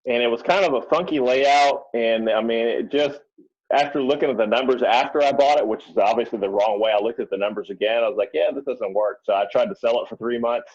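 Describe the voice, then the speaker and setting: A man telling stories as a guest on a podcast, in a relaxed, easygoing way. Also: mid-range voice, fairly quick. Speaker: podcast guest, real estate investor. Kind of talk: casual interview chat. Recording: dull lo-fi sound.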